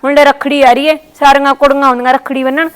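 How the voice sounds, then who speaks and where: A woman playing a spiteful, scheming young sister-in-law who talks in a sharp, scornful way in a family short drama. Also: high-pitched, flat delivery, fast talker, close to an everyday voice. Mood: grumbling. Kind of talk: family short-video acting.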